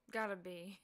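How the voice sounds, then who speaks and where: A woman's voice: medium pitch, fairly bright tone. A woman streamer giving casual live commentary on a video, chatty and amused, laughing often.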